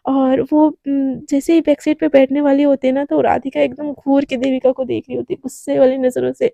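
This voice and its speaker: A woman's voice: high-pitched, little pitch movement, brisk, gravelly, dark tone, no echo. A woman narrating a romance story in a chatty, breathless retelling.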